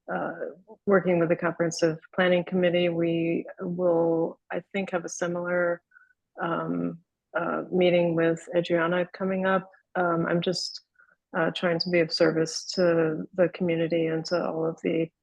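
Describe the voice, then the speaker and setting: A woman's voice: fairly low pitch, vocal fry, darkish tone, dry recording, low-quality recording. A woman introducing herself as a guest on a video call, hesitant and searching for words in an informal way. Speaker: meeting guest.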